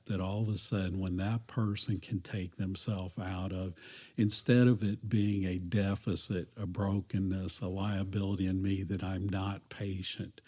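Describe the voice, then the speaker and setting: A man's voice: sits low, mellow. A man working as a church counselor, talking earnestly and reflectively on a podcast, often restarting his phrases. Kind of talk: conversational podcast talk.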